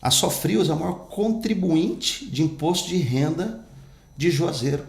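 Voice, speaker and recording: A man's voice: on the high side, lively intonation, unhurried, creaky, reverberant. A man, an actor and pastor telling his life story in an emphatic, earnest way as a podcast guest. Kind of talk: personal storytelling in an interview.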